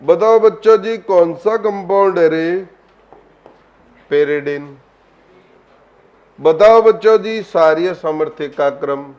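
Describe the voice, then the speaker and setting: This lo-fi clip has a man with a fairly high but darkish voice leading a live online class. He keeps asking his students questions and affectionately coaxes them along.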